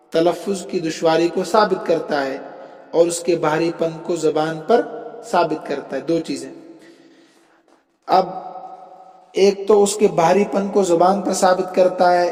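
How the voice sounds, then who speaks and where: A man's voice: fairly high pitch, a little mellow. A male religious scholar giving a classroom lecture, explaining step by step and often asking the students whether they follow. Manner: explains step by step, often checks understanding with questions. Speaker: religious scholar teaching Arabic rhetoric. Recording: echoey room with long reverb, faint music.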